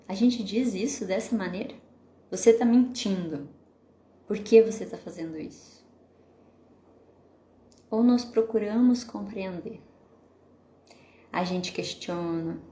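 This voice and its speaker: A woman therapist with a Brazilian Portuguese accent, hosting a live stream. She explains calmly and keeps checking in with the viewers with questions. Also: mid-range voice, reverberant. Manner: explanatory, asks the audience questions, frequent "né?".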